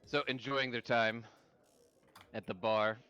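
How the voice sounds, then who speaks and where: A man narrating as game master of a tabletop game over voice chat, relaxed and easygoing, with fillers. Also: medium pitch, slow, clear, resonant tone, lo-fi sound, faint music behind.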